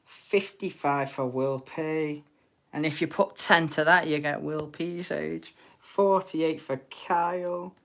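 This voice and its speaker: Speaking slowly in a low register, this British woman runs an online bingo session in a relaxed, chatty way. Her banter is playful and informal as she announces numbers and names players.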